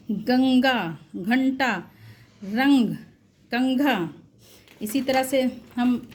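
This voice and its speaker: A woman with a high voice walks listeners through a phonics lesson at a very unhurried pace. She stretches out each syllable and example word with care. English words slip naturally into her Hindi explanations. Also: darkish tone. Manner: drawn-out, careful sounding out of syllables. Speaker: teacher. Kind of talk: slow Hindi phonics lesson for parents and teachers.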